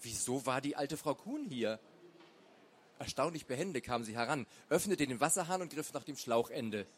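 Man, audiobook narration, measured, dramatic, mid pitch. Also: expressive. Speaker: reader.

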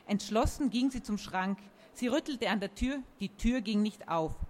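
A woman reading a children's story aloud in a lively, expressive way. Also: on the high side, moderate pace, a little hiss or hum.

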